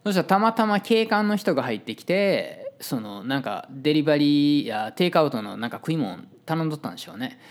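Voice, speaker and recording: A man's voice: on the high side, big pitch swings, brisk, hardly any pauses. A man with a Kansai Japanese accent telling a story in a casual, chatty monologue and acting out the voices of people he quotes.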